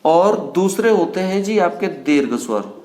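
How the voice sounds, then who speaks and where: A man teaching Hindi grammar in a classroom, asking his students questions and answering them himself, and stretching vowels out slowly to show how long they last. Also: high voice, lively intonation, a little mellow, a little hiss or hum. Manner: draws vowels out slowly to show their length. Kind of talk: classroom lecture. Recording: echoey classroom.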